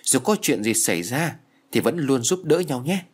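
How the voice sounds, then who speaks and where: A man's voice: mid-range voice, sing-song, moderate pace, pitched above the performer's own voice. A man voicing his reckless young friend in an audiobook story. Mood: boastful. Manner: rough, swaggering, later shaken.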